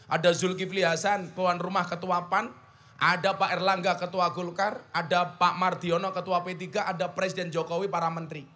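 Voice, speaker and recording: Javanese-accented male preacher, middle-aged, sermon with rhetorical questions, bright tone. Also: high-pitched. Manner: emphatic, rhetorical questions, mixes in Javanese asides. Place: outdoor religious gathering.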